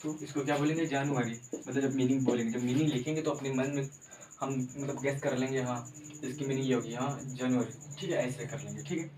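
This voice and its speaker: A man's voice: medium pitch, fairly even intonation, fairly quick. A man runs a casual home-made lesson, spelling words out letter by letter and going over each point again. He sits at some distance from the mic in an echoey room, with a faint hiss underneath. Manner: chatty, spells words out letter by letter, repeats himself. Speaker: online tutor.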